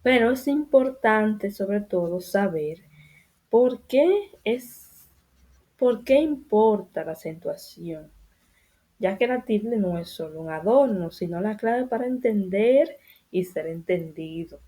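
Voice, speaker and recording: Woman teacher addressing children, unhurried and deliberate, mellow tone, repeats key points. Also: mid-range voice, animated. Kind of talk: spanish grammar lesson for children.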